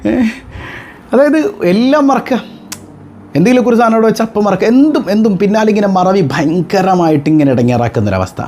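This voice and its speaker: A man, a religious teacher giving an animated talk to his followers, full of rhetorical questions and joking asides. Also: high voice, fast, a little hiss or hum.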